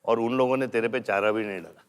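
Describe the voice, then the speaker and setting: A man's voice: lowish voice, steady tone, quick pace, clear, resonant tone. A man trading teasing banter on a comedy stage show.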